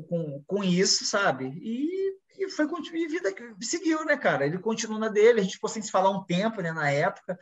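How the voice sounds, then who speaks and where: A man from Brazil, a fighter, telling his stories in a casual interview and acting out what people said. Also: sits high. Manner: fast, animated storytelling with acted-out quotes. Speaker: guest, MMA fighter.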